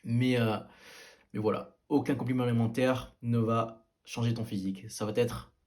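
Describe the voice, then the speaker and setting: A man's voice: medium pitch, level tone, normal speed, darkish tone. A man giving casual fitness advice straight to the viewer, talking informally and bluntly with frequent hesitations and restarts. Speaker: fitness video maker.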